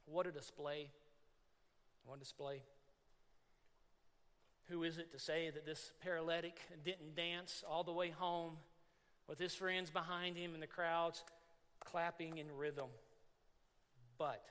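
A man's voice: a little high, a little slow, clear, resonant tone. A man. He acts out the scene and repeats lines for emphasis. His voice rings with a long reverb, as in a large hall. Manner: animated preaching, acting out scenes, repeating phrases for emphasis. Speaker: preacher. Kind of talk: sermon.

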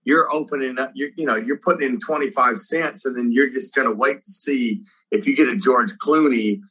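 A man's voice: medium pitch, moderate pace, a bit bright, slightly rough, poor audio. A man co-hosting a casual interview, asking rambling questions with many restarts and eager interjections. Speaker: podcast co-host.

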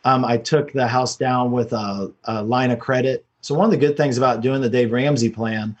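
A real estate investor, appearing as a podcast guest, tells his own story in a casual, unpolished, loosely rambling manner. His voice is mid-range, with fairly even intonation and a normal speaking speed.

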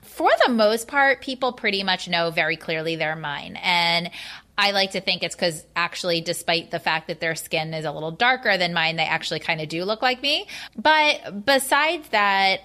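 A woman host with a bright, forceful voice chats candidly with her guest. She talks in an animated, storytelling way, full of asides. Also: fairly low pitch, normal speed. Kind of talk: conversational interview.

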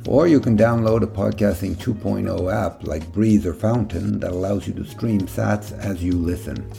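Gravelly, low-voiced male podcast host. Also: moderate pace, warm tone, soft background music. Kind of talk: podcast interview and outro.

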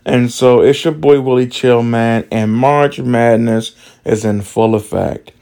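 A man hosting a casual sports podcast, excited and rambling, with many fillers and restarts. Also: mid-range voice, a little slow, vocal fry. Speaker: podcast host.

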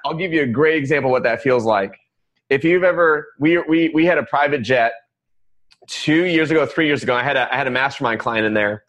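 A man hosting a podcast, telling stories animatedly and acting out quotes with loud whoops. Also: medium pitch, fairly quick. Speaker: podcast host. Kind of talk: casual conversational interview.

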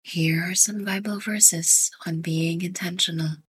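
A woman guiding a sleep meditation in a soft, breathy whisper. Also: fairly low pitch, steady tone, a little hiss or hum. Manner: slow, soft whispered delivery. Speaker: meditation guide.

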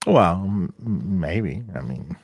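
Man, co-host, low voice, thinks out loud, casual chat, dry close mic. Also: animated, slow pace, husky, no echo. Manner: thinks aloud, musing with many fillers. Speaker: co-host and gear maker.

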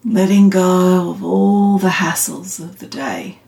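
A woman guiding a meditation in a calm, meditative, soothing tone, unhurried and leaving long pauses. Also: lowish voice, creaky. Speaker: meditation guide. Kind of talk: guided loving-kindness meditation. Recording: roomy, slightly echoing sound.

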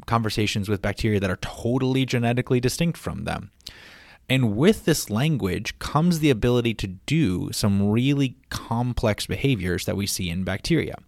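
A man's voice: fairly low pitch, dry recording, clean studio sound. A man hosting a casual science podcast, chatty and playful, with frequent ums and asides. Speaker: podcast host.

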